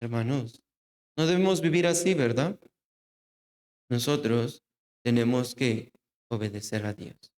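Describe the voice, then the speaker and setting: A man with a Mexican Spanish accent preaching a sermon who asks rhetorical questions and drops low and soft for emphasis. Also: a little slow, pauses often, echoey room. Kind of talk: evangelical sermon.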